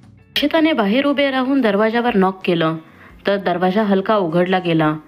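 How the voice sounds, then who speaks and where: A woman reading a family love story aloud, voicing each character in her own voice with dialogue pitched a little higher. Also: moderate pace, soft background music. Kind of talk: scripted story narration.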